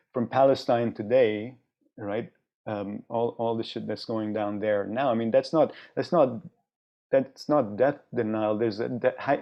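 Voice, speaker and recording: A man speaking as a panelist in a discussion, thoughtful and halting, with many restarts. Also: medium pitch, muffled recording.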